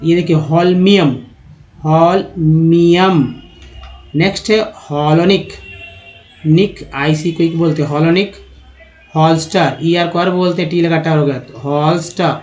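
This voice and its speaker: A man giving a spoken lesson on reading English words, explaining patiently, spelling letters out slowly and repeating words, addressing viewers as friends. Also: a little high, steady tone, darkish tone, dull audio, soft background music. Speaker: English teacher.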